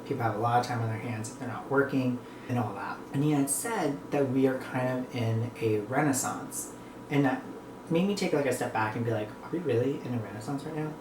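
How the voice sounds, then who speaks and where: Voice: medium pitch, fairly quick. A North American vlogger chatting casually and reflectively to viewers, rambling between bites while eating. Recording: echoey room with clear background noise.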